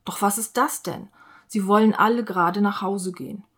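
Lady reading a kids' story out loud, clear and gentle, expressive. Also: medium pitch, normal speed. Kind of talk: reading a children's storybook aloud.

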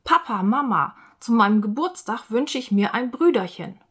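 An eager little boy mouse from a children's storybook, as a woman reads him aloud. He talks in a bright, excited, childlike way, sweet and lively. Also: fairly high pitch, normal speed, husky.

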